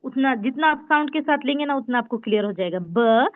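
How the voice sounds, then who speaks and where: A woman teaching an online Urdu class, patiently sounding out letters slowly and repeating them. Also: high-pitched, lively intonation, no echo. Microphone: online class call. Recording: tinny phone-like call audio.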